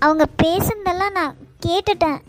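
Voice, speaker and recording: A very high, tearful little girl with a small, plaintive voice, voiced by a woman. She sounds hurt and unsure. Faint music runs beneath her. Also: moderate pace. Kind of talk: cartoon voice acting. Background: faint background music.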